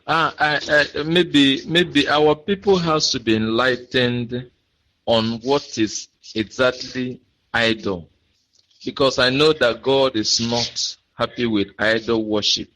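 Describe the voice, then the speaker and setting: Man, radio caller, halting, earnest, mid-pitched voice. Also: fairly even intonation, fairly bright tone, slight background noise, poor audio. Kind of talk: phone-in call.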